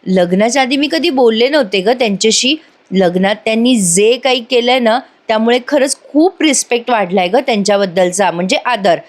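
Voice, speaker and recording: A woman voicing a calm, gentle elder sister who speaks in a soft, reassuring way. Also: on the high side, brisk, lightly acted. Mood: soothing.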